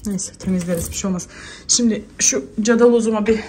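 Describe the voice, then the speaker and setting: A woman's voice: mid-range voice, fast talker, dark tone, slight background noise. A woman in her thirties with a Turkish accent, chatting to viewers in a casual home vlog while she cleans and calls after her kids. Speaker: vlogger, mother.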